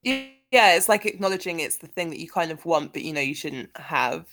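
A woman co-hosting a casual book podcast, talking in a relaxed, conversational way. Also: low-pitched. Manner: relaxed, conversational, quick agreeing asides. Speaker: podcast co-host discussing a book. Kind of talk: casual chat.

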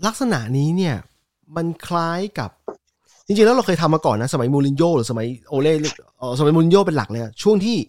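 A man's voice: on the high side, fast talker, a little hiss or hum. A man co-hosting a casual football podcast, emphatic and slangy. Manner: animated, emphatic, crude slang. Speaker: podcast co-host.

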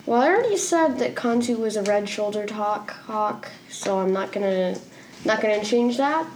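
A woman's voice: medium pitch, animated, moderate pace, darkish tone, reverberant, far from the mic, a little hiss or hum. A woman player talking casually and giggling during a tabletop game.

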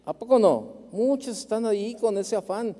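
A man's voice: high-pitched, animated, normal speed, mellow, long reverb tail. A man with a Mexican accent preaching a sermon as a pastor, telling a story and repeating phrases for emphasis.

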